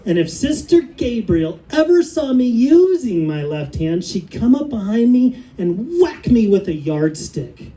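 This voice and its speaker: A middle-aged man performing a stand-up comedy set on stage, telling dry stories and pausing for laughs. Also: very high voice, big pitch swings, warm tone, rough recording. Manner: dry storytelling with pauses for laughs. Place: comedy stage with a live audience.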